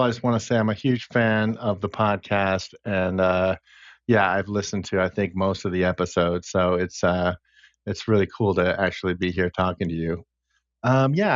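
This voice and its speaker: Man, podcast guest, conversational, fairly low voice, dull lo-fi dry recording. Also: no echo. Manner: conversational, recounting his path step by step. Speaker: podcast guest, smart contract engineer. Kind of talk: casual interview chat.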